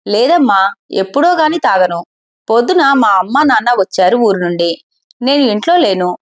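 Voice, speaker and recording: A woman's voice: fairly high pitch, expressive, moderate pace, close to an everyday voice. A woman voicing a young tea-stall keeper who respectfully and plaintively explains his side to elders. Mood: aggrieved. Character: young man, hurt tea-stall husband.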